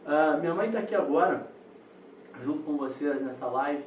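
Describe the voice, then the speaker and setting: A man, in his thirties, coaches parents over a live video call, his voice high for a man. He talks straight to his listeners in an animated storytelling manner. The sound is roomy and echoing, with a faint hiss behind it. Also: moderate pace. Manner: animated storyteller addressing the audience directly. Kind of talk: live online parenting talk. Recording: roomy echo, distant mic, faint noise.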